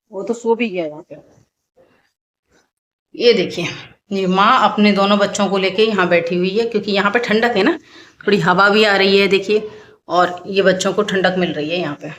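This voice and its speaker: A woman's voice: medium pitch, low-quality recording. A woman, a mother, talking casually to her viewers from her home and calling them friends. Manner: chatty, keeps addressing viewers as friends. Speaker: vlogger, mother.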